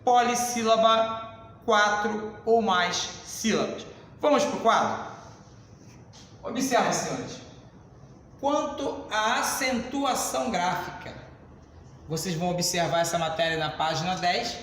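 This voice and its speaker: A Brazilian man teaching a grammar lesson at the board, explaining slowly and addressing the class as "senhores.". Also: high-pitched, expressive, a bit bright, slight background noise. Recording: echoey classroom, reverb.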